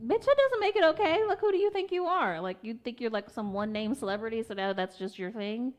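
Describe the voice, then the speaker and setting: A woman's voice: fairly high pitch, lively intonation, fast talker. A woman in her forties co-hosting a podcast, chatting casually and laughing often. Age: 40s. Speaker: podcast co-host. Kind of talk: casual chat.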